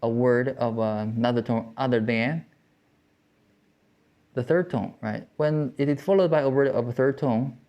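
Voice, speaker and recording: A man teaching Mandarin tones, explaining slowly with frequent restarts and pauses. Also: mid-range voice, warm tone, lo-fi sound. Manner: halting, with many restarts and fillers. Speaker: Chinese language teacher. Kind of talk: slow explanatory lesson.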